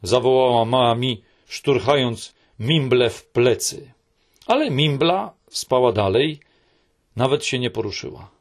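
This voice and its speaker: A male storyteller reading an audiobook, his voice husky and lightly breathy. His pitch moves in a lively, animated way, rising and falling with the tale, and he slows down to linger on quiet moments. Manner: expressive storytelling, lingering on soft phrases. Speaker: narrator. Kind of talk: audiobook narration.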